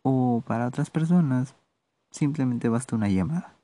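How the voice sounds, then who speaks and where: A man with a Peruvian accent hosting a solo podcast, giving political commentary in a measured, sardonic way with halting pauses. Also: mid-range voice, dark tone, no room sound. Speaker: podcast host.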